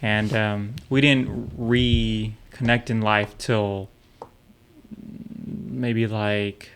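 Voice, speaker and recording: A man's voice: on the low side, steady tone, extremely slow, clean tone. A man in his twenties, a podcast guest, telling stories in an easygoing way, full of "like" and "uh". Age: 20s. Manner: laid-back storytelling, full of "like" and "uh". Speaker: guest, vintage store owner. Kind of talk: casual podcast chat.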